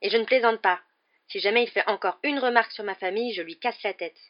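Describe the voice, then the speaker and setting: Agitated teen boy, as a woman reader puts him on, loud, dull recording. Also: mid-range voice, fairly even intonation, quick pace, pitched above the performer's own voice, lightly acted. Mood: angry. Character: hot-tempered teenage boy. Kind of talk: audiobook reading.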